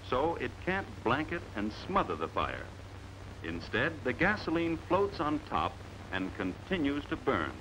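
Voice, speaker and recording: In a measured, authoritative, emphatic manner, an American man with a medium-pitched voice narrates a scripted 1950s training film. The vintage soundtrack comes with background noise.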